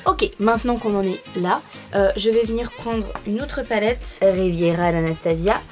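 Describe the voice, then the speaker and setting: A woman's voice: mid-range voice, normal speed, soft background music. A young adult woman talking casually through a makeup tutorial as a beauty vlogger, with frequent fillers. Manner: chatty, many fillers.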